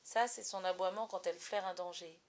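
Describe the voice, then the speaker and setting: A perceptive young storybook girl who speaks quietly and with calm certainty, as a woman reader voices her. She is matter-of-fact. She sounds wiser than her years. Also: on the low side, fairly quick, slight background noise, close to an everyday voice. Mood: knowing.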